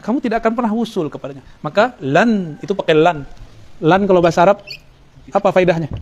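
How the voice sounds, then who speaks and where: A man's voice: a little high, a little mellow. A man giving a Sufi study lecture, talking casually, quoting Arabic verses and joking with his listeners. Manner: conversational, jokes with the audience, quotes Arabic verses. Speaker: Islamic preacher.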